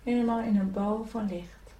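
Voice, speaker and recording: A woman leading a guided spiritual meditation, giving gentle, soothing instructions to breathe and relax. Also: mid-range voice, steady tone, normal speed. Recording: echoey room, from a distance.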